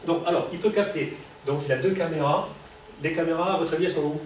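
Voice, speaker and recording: Presenting a robot to a live audience in a hall, this man has a cold and talks fast in a voice on the high side. His style is loose and chatty, packed with fillers and questions aimed at the crowd. The sound comes from a distant mic in an echoey room, with noise in the background.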